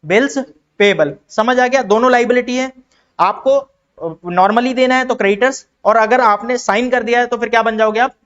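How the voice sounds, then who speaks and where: A man's voice: very high voice, a bit bright, lo-fi sound. A man from India teaching an accounting lesson, posing questions and answering them himself and repeating key terms. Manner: acts out quick exchanges in other voices. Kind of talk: classroom-style explanation with questions to students.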